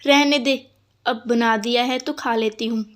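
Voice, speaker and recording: A woman voicing a cranky older mother-in-law who nags and shouts complaints. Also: on the high side, fairly even intonation, measured pace, close to an everyday voice. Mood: scolding.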